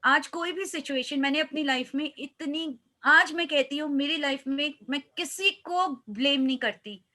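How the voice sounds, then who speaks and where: A woman's voice: high voice, normal speed, bright, forceful tone. A woman, a life coach, speaking earnestly in a motivational interview and mixing in English phrases.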